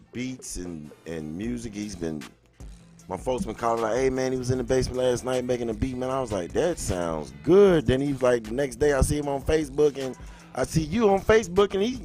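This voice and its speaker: A man with a medium-pitched, slightly mellow voice hosts a relaxed livestream, greeting viewers, rambling and repeating phrases often. There's music in the background.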